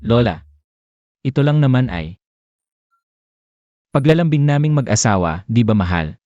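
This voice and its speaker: A man's voice: medium pitch, animated, measured pace, a little mellow, no echo, lo-fi sound, natural voice. An actor dubbing a nervous young CEO husband who tries to placate his grandmother. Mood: flustered. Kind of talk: dubbed drama acting.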